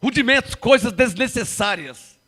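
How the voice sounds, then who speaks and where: Male preacher, 50s, very high bright voice, rhetorical, shifts between loud and hushed. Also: expressive, moderate pace. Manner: rhetorical questions to the congregation, big swings from loud to hushed. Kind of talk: sermon.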